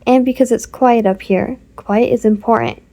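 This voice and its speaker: A woman voicing a quiet, stern girl who answers curtly and mutters. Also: a little high, fairly even intonation, moderate pace, close to an everyday voice. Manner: curt, muttering.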